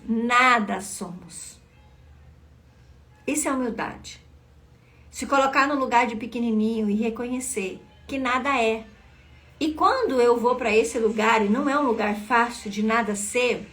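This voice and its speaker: A woman's voice: fairly high pitch, fairly bright tone. Earnest woman leading a devotional. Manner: earnest, asks listeners questions directly. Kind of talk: devotional teaching reading from a book.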